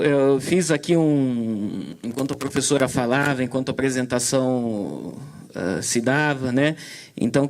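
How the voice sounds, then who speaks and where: A man with a mid-range, darkish voice moderates a conference session, commenting on a talk. He speaks hesitantly, with many fillers and restarts.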